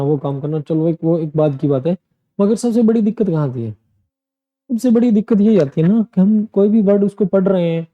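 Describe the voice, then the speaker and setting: A man's voice: high voice, phone-quality sound. A man coaching students through an English exam, explaining things directly and repeating points as a teacher. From India. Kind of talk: classroom lesson explaining exam tasks.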